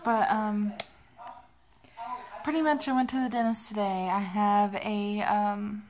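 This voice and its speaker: A woman's voice: medium pitch, fairly even intonation, slow, darkish tone. A woman in her twenties rambling casually to camera in a vlog, sounding sick, tired and drowsy. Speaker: vlogger. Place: small cluttered bedroom, indoors.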